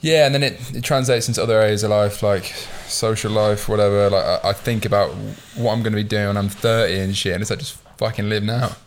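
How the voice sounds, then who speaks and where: Low flat-voiced man in his twenties. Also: fast talker, hardly any pauses, slight background noise. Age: 20s. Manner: casual, swears freely, self-reflective. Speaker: podcast host. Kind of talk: casual chat.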